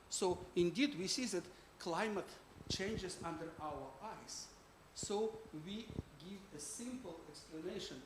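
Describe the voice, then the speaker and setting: A man from Ukraine, presenting his physics book in halting full of "uh" fillers. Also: high-pitched, slight background noise. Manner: halting non-native English with many "uh" fillers.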